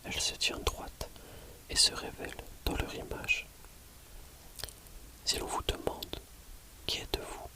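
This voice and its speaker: In a rough recording, a reader whispers scripture as an ASMR audiobook, using a hushed library whisper that stays measured and pauses between short phrases.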